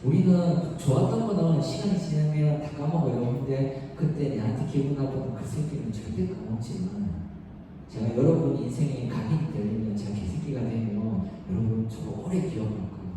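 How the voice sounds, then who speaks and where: Speaking to a young crowd, this male pastor gives a blunt, slangy, informal sermon full of rhetorical questions and acted-out quotes. He has a dark, mid-range voice at a normal speed, captured from a distance in an echoey hall with some faint noise.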